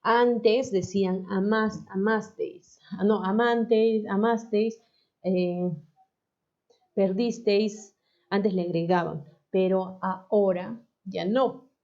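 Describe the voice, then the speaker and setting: A mid-range, darkish voice with a steady tone belongs to a woman teacher speaking at a slow pace. She explains the lesson patiently and checks understanding by asking questions, often ending with "¿no?". It's a dull lo-fi recording.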